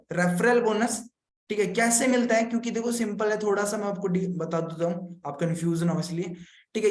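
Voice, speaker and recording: A man from India with a fairly high voice walks live viewers through a marketing plan, repeating each point. He keeps saying "okay" and asking if everyone follows. The sound rings around an echoey room. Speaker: business consultant teaching a marketing plan. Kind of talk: live-streamed explanation to viewers.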